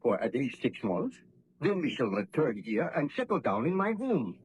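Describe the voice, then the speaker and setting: A man's voice: mid-range voice, big pitch swings, normal speed, slight background noise, close to an everyday voice. An actor playing an earnest, courteous young male scientist with formal, theatrical diction in 1930s radio acting. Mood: tender. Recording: dull 1930s radio recording.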